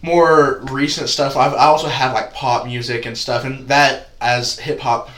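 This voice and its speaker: A nineteen-year-old spoken word poet, appearing as a podcast guest, rambles casually with plenty of "uh" and "like." His mid-range voice is steady, a little slow, and a bit bright. The room is echoey with faint noise.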